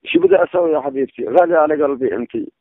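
A man's voice: fairly high pitch, huge pitch swings, very fast, creaky, dry recording. A tearful man on a phone call, pleading and swearing oaths over and over in a sing-song way. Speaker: caller. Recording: tinny dry phone line.

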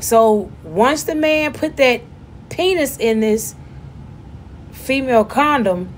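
A loud, animated woman talks casually while demonstrating something at home, joking with her viewers along the way. Her voice sits a little high, with a faint hiss of noise behind her. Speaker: vlogger giving a demonstration.

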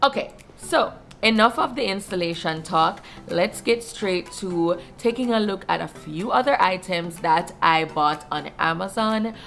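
A woman in her thirties with a hoarse voice, chatting excitedly to camera in a gushing makeover reveal style. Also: fairly low pitch, a little slow, hardly any pauses. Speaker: host of a home makeover vlog. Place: living room, indoors, facing the camera.

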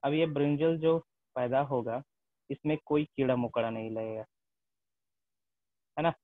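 A man's voice: mid-range voice, measured pace, no room sound. A male teacher giving a classroom lecture, mixing English terms into his speech and checking in with tag questions. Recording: tinny phone-like sound.

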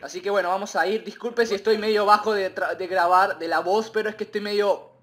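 A man giving excitable, rambling gameplay commentary, repeating himself and bursting into shouts. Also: high voice, fairly quick. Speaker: gaming video creator.

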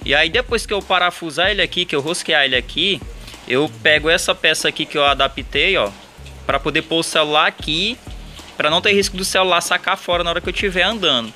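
Brazilian guy doing a casual diy tutorial, slightly high voice, bit of music behind. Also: fast, pushed and bright. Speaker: vlogger showing a DIY setup.

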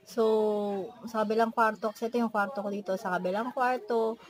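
A Filipino woman with a hoarse, partly lost voice, speaking softly in a casual makeup review from her bedroom. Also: mid-range voice, fairly even intonation, a little fast. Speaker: beauty vlogger. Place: her bedroom in a family house. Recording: noisy home room with TV behind. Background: TV and relatives' noise from nearby rooms.

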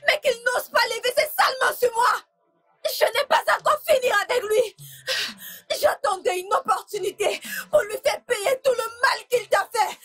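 A woman's voice: very high-pitched, moderate pace, fairly bright tone. A woman dubbing a film role as a fierce, defiant younger sister who screams and hurls insults. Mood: furious. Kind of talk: dubbed film acting.

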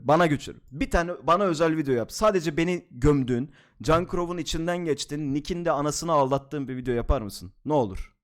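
A young man streaming from home, chatting casually at his desk mic, laughing, swearing and joking as he reacts to videos. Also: on the high side.

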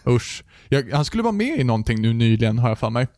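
A man with a Swedish accent co-hosting a casual podcast, loud and jokey, laughing often. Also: medium pitch, sing-song, dry recording, clean studio sound. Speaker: podcast co-host. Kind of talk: casual chat.

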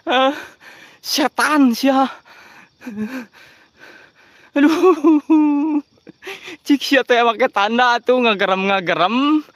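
A man with a Sundanese accent hosting a night ghost-hunting vlog outdoors, excitable and jokey, swearing and praying when startled. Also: very high voice, slow, no echo.

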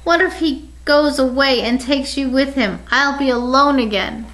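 A shy, tender-hearted little girl doll, voiced by a woman reading a storybook. She speaks high and pleading, fretful and quick to worry. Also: fairly bright tone. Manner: timid and pleading.

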